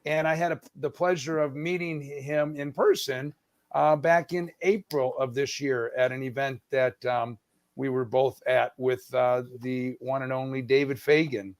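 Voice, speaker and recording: A man's voice: medium pitch, fairly even intonation, unhurried, no echo, studio quality. A man hosting a podcast interview over a video call, friendly and often restarting his sentences. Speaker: podcast host.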